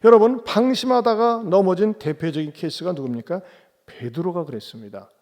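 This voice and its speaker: A man's voice: sits high, a little fast, darkish tone. A middle-aged male pastor preaching a sermon in a church, emphatic, with rhetorical questions and call-and-response. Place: church sanctuary.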